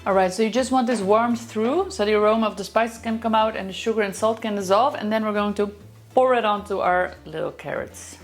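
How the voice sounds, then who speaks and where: A woman hosting a cooking video and walking through a recipe with steady step-by-step instructions. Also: medium pitch, a little fast, soft background music. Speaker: cooking show host.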